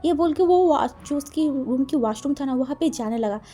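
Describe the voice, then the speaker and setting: High-voiced woman narrating a story. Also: lively intonation, moderate pace, mellow, faint music behind. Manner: chatty, repeats words and restarts. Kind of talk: casual fan-fiction narration.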